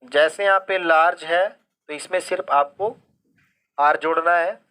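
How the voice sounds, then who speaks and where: A man's voice: on the high side, a little slow, pushed and bright, clear, resonant tone. A man teaching English grammar in a live online class. He asks questions and answers them himself, drops English phrases into his Hindi explanation, and keeps checking whether students understand.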